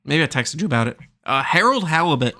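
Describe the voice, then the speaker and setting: A man's voice: on the high side, big pitch swings, fast talker, bright, forceful tone. A man hosting a gaming podcast in casual chat, rambling and searching for words. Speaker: podcast host.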